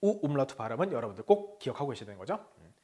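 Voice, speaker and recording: A man teaching a language lesson. He says each phrase slowly, then explains it, and often checks in with his learners. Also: medium pitch, big pitch swings, mellow.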